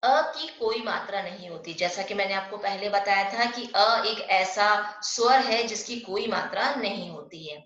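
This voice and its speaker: Bright-voiced woman teaching Hindi letters. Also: medium pitch. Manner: explains step by step, asks questions and answers them herself; slows down and stresses sounds when saying example words. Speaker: primary school Hindi teacher. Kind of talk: online class lesson. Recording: echoey, dull lo-fi room sound.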